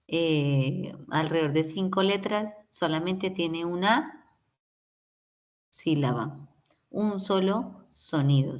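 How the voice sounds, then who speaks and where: A woman's voice: on the low side, lo-fi sound. A woman teacher, patiently explaining English grammar in an online class and often checking in with her students. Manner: patient, explanatory, many tag questions.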